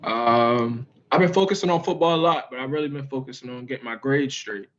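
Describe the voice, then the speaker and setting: Teen football player, short hesitant answers, yes sir, muffled lo-fi sound. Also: male voice, medium pitch, brisk, fairly bright tone, a little hiss or hum. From Maryland, USA. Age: teens. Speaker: high school football player guest. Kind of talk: casual interview answers.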